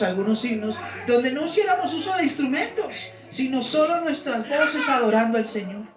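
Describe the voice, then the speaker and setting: A man preaching a teaching sermon to his congregation, explaining terms and asking them questions. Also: extremely high pitch. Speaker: pastor. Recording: roomy sound from a distance.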